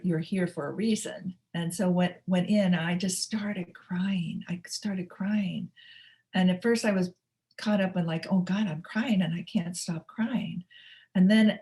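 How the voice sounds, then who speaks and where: A middle-aged woman hosting a spiritual webinar, talking unscripted in a soft, halting way with many fillers and restarts. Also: fairly low pitch. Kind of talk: unscripted teaching talk. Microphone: webinar microphone.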